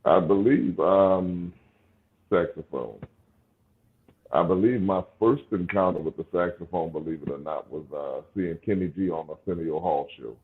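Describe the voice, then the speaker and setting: A man from New Orleans, around forty, talks casually as an interview guest. His voice is low, smooth and velvety. It comes through thin and narrow, as if over a phone line. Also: moderate pace. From New Orleans, USA. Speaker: guest musician. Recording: thin, phone-like call audio.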